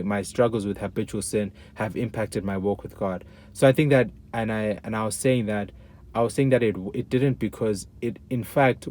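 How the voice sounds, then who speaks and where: A young man talking candidly about his faith, earnest and halting, with many restarts and casual slang. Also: fairly low pitch, mellow. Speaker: guest sharing testimony.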